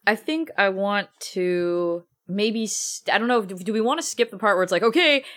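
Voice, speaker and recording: A woman playing in a tabletop role-playing game, chatting quickly and laughing, now and then slipping into pirate talk. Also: mid-range voice, fairly bright tone. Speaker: player. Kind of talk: tabletop role-play banter.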